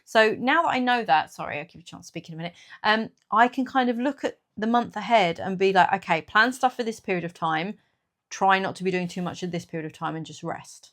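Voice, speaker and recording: A woman's voice: medium pitch, brisk. A woman in her forties who runs a small business, chatting casually and rambling in her own studio vlog, laughing at herself. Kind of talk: casual chat.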